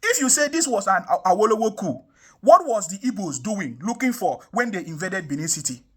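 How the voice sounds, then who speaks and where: A young Nigerian online commentator from the South South talks briskly in a high voice with big pitch swings. His political commentary is impassioned, emphatic, and repetitive, frequently punctuated by rhetorical questions.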